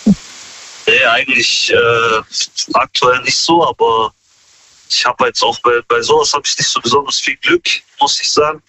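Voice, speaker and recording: A man in his thirties chatting casually in an interview, relaxed and slangy with many fillers. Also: mid-range voice, measured pace, dry recording, low-quality recording. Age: 30s.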